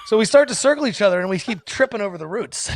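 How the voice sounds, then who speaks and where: A man's voice: high voice, fast, dry recording. A man telling a rowdy bar story in casual chat, swearing freely and acting out what people said. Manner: animated, profane, acts out quotes. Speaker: podcast guest.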